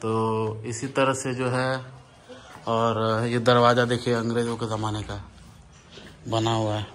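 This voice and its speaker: A man's voice: mid-range voice, flat delivery, measured pace, a bit bright. A man filming a walking tour on his phone outdoors, chatting and pointing things out as he goes. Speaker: vlogger and interviewer. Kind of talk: walking tour vlog commentary. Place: outdoors walking around an old bungalow compound. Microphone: phone camera held by the speaker.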